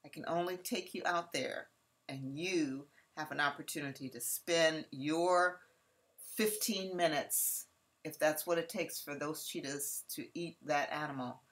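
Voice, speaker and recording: Low-voiced chatty woman presenter. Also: a little slow, a bit bright. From California. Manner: chatty, addressing the audience directly. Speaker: safari presenter. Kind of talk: narrating a slideshow presentation.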